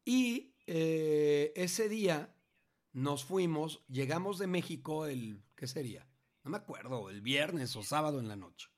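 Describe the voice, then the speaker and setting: A middle-aged man with a Mexican Spanish accent casually telling his grown child a story in a slangy, animated way, often restarting his sentences. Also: a little high, a little slow.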